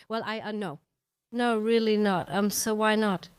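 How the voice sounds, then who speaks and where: A woman in her fifties speaks as an interview guest, reflective and unhurried, often pausing on ums and restarting her thoughts. Her voice is strikingly clear, and it is recorded dry and close. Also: mid-range voice, no echo. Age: 50s. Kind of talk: conversational interview.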